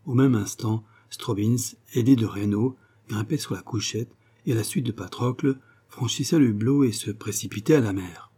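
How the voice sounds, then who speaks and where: Mellow husky male audiobook narrator. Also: on the low side, moderate pace, few pauses. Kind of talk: scripted adventure novel narration.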